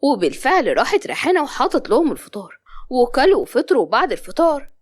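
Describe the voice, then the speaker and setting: Woman narrator, Upper Egyptian accent, fast-paced, animated pitch. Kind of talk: storytelling narration.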